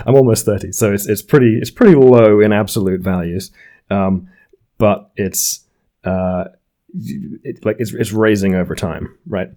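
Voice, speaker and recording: A young man with a deep, mellow voice thinks aloud on a science podcast. He hedges and restarts often. His tone stays low and relaxed throughout. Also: a little slow. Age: 20s. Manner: thoughtful, hedging, many restarts and "like"s. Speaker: podcast co-host. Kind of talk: casual science discussion.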